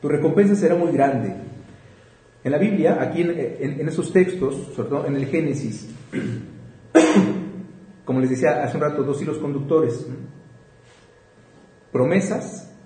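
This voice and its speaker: A man teaching a Bible class, reading scripture passages slowly and asking his students questions. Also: a little high, dark tone, echoey room, low-quality recording.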